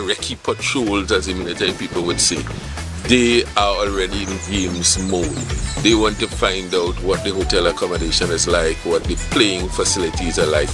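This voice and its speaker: Deep-voiced man over music. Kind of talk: interview comments.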